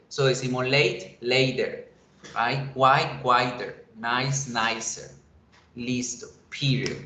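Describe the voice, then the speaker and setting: Slow, patient male English teacher. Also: mid-range voice, bright, forceful tone. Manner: patient, explains slowly and repeats examples. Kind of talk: bilingual online class lecture. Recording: echoey room with faint noise.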